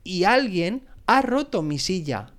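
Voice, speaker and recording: A man's voice: high-pitched, sing-song, slow pace, a bit bright, voice pushed up, exaggerated voice. A man voicing a small whining bear cub in a children's storybook reading. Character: little bear cub, whiny and upset.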